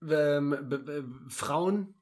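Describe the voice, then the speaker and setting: A young man with a slightly raised pitch co-hosts a casual podcast. He rushes through his points, restarts his sentences often, and bursts into loud acted-out quotes. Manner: hurried, restarts often, acts out quotes loudly. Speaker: podcast co-host. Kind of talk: casual chat.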